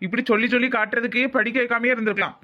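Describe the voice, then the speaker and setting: Someone voicing a sulky cartoon son, fast and highish, dull muffled audio. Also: steady tone, close to an everyday voice. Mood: defensive. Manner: sulky, defensive retorts. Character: grown son, defensive, work-shy drinker.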